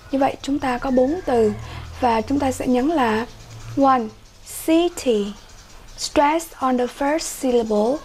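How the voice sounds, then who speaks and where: A woman teaching a workbook lesson to children online, repeating English words slowly and carefully, with a Vietnamese accent. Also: high voice, darkish tone.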